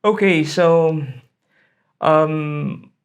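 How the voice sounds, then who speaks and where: A middle-aged history academic from the Philippines is a guest in a conversational interview. He speaks very slowly in a fairly high voice, hesitating often with many fillers and restarts.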